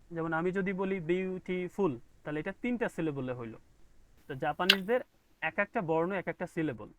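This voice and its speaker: A man's voice: high-pitched, rough recording. A man teaching a graphic design class online, explaining step by step and often checking that his students follow. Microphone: video call.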